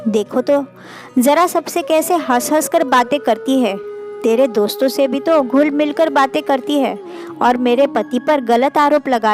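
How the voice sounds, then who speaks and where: A woman voicing a scornful older sister who harshly accuses her sister-in-law of lying, over background music. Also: high voice. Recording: music playing under the voice.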